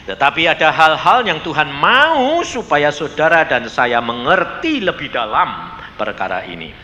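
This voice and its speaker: A man with a Javanese accent preaching a sermon, telling stories and swinging between soft and loud. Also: a little high, very animated, unhurried. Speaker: pastor. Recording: echoey hall with faint noise.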